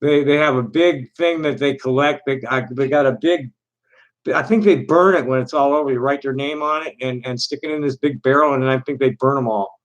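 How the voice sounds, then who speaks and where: A man hosting an online discussion in casual, rambling talk, blunt and profane, with a halting delivery. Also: medium pitch, fairly even intonation, dull audio.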